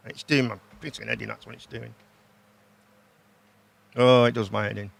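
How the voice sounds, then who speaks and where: A man's voice: medium pitch, steady tone, normal speed, gravelly. A British man hosting a casual livestream, chatting informally, repeating himself and often ending on tag questions. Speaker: host.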